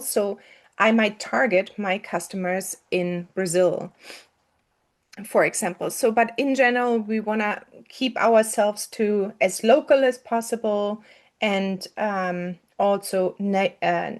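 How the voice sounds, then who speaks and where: Chatty woman teaching a casual lesson. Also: medium pitch. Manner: chatty, with frequent fillers and restarts. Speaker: marketing coach. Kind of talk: casual step-by-step online lesson.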